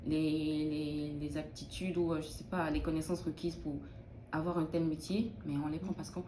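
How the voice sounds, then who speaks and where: A woman's voice: deep voice, flat delivery, moderate pace, reverberant, background noise. A young woman from Benin, a student in early childhood education, answering interview questions in a thoughtful, hesitant way with many restarts.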